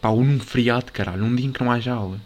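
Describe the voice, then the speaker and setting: A man's voice: mid-range voice, very fast, slight background noise. A teenage guy with a European Portuguese accent delivering a crude, swear-filled comic rant full of filler words. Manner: crude, swearing-heavy, rambling with constant filler. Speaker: comedy vlogger.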